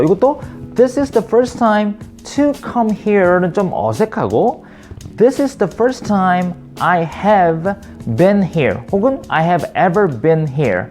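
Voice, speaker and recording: A man teaching English grammar to Korean viewers, reading example sentences slowly and checking in with rhetorical questions. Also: on the high side, darkish tone. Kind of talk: video English lesson.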